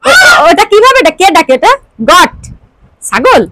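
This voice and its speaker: Brief: female family vlogger, high bouncy voice, coaxing baby talk to a toddler. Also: huge pitch swings, unhurried, heavy background noise. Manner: playful, prompting animal sounds. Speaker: family vlogger filming a little girl. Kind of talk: casual vlog chat, talking to a toddler.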